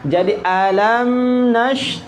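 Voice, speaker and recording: A male Quran teacher from Indonesia running a tajwid lesson, repeating syllables and chanting verses slowly for students to copy. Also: high voice, crowd noise, low-quality recording. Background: group of students in the room.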